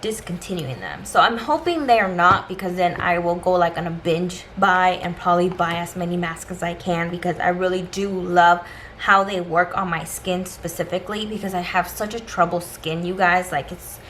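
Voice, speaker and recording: A woman's voice: fairly low pitch, normal speed, fairly bright tone, slight background noise. A woman talking casually and directly to viewers as a beauty vlogger, giving an informal shopping haul review.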